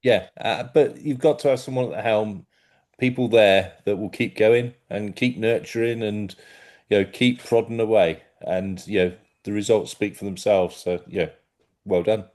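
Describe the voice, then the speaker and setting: A man interviewing podcast guests, friendly and quick to laugh. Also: lowish voice, steady tone, a little mellow. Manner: friendly, laughing, prompting questions. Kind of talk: casual interview.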